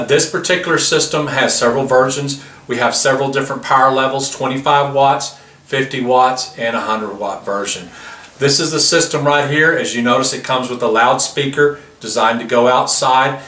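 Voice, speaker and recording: A man demonstrates a vehicle intercom system outdoors beside a car, plainly explaining each feature step by step. His mid-range voice has a fairly bright tone and normal speed, and the recording sounds roomy, with a distant mic and faint noise.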